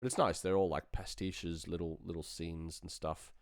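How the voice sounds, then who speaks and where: A sound designer streams a live work session, talking informally and enthusiastically as he thinks aloud through his sound design, part casual chat and part tutorial. His voice sits low with a level tone and normal speed. The studio-quality audio has no echo.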